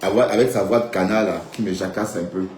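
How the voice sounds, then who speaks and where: A man talks casually to his viewers on a live stream, rambling and tossing in little check-ins. His voice sits low. The room gives back a noticeable echo with faint background sound. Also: fairly even intonation, quick pace, noisy background. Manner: rambling, addresses viewers directly with frequent "hein" and "d'accord".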